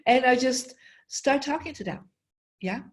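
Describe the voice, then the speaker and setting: A woman's voice: high voice, animated, unhurried. A middle-aged woman telling a story while teaching an online master class, often checking in with the audience by asking "yeah?". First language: Dutch. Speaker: feng shui teacher.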